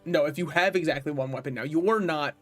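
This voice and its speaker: Faint music sits behind a man playing a card game on stream, his brisk voice on the high side and fairly bright. He's chatty as he narrates his moves, swearing occasionally and laughing at himself.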